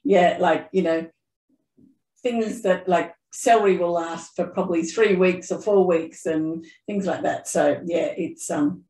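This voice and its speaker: A woman's voice: lowish voice, unhurried, a little mellow. A woman business owner explaining her product earnestly and casually on an online group call. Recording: roomy, echoing call audio.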